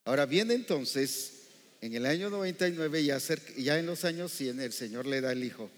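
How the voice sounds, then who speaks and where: A man's voice: on the high side, lively intonation, normal speed. A male preacher delivering a sermon in a church, often quizzing the congregation with rhetorical questions. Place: church hall. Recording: echoey hall reverb.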